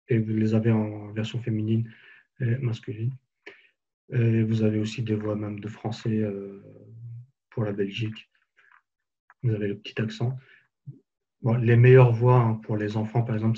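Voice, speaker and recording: Male trainer for a tutorial webinar: deep dark tone, slightly raspy, relaxed explainer, muffled lo-fi sound. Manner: casual, explanatory, walks through steps on screen. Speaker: software trainer. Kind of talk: live software tutorial webinar.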